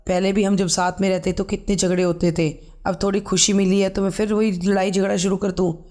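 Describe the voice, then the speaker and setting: Casting: man doing a proud, dismissive young wife, high voice, storybook. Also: flat delivery, fairly quick, darkish tone, natural voice. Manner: stubborn, dismissive. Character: proud pregnant young wife, later sorry.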